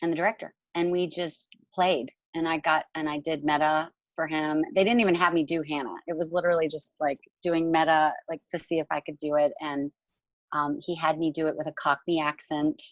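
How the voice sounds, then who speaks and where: A woman in her forties, a musical theatre actress, rambles with plenty of fillers in a casual Q&A chat over a video call. Her low voice stays level and fairly quick, and the dry recording has poor audio.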